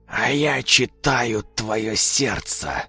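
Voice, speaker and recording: A man voicing a vengeful ghostly voice of the buried dead, slow, menacing and sneering. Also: on the low side, animated, bright, forceful tone, slightly rough, soft background music, full character voice. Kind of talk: audiobook character voice.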